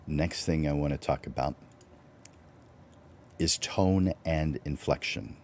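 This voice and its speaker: A man with a low voice hosting a live-stream teaching talk, relaxed and conversational, with fillers and restarts. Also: slow, gravelly, a little hiss or hum. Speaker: host.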